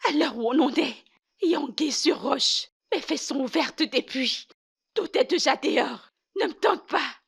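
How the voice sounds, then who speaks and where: Stubborn, unfaithful young wife in a dubbed drama; high-pitched, challenging and heated. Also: female voice, unhurried, creaky. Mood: defiant. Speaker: wife in a marriage dispute.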